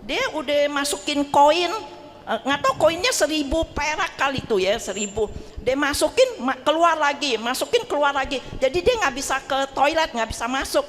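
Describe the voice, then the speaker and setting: A middle-aged woman from a parish group shares a personal testimony in a church hall, chatty and animated, laughing often and acting out the voices of people she quotes. Her voice sits high at a moderate pace, with the large hall and slight background noise audible.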